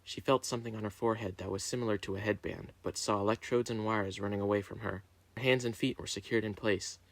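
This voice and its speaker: A man reading a story dramatically, narrating in a deliberate, theatrical way. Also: fairly low pitch, fairly even intonation, dry recording.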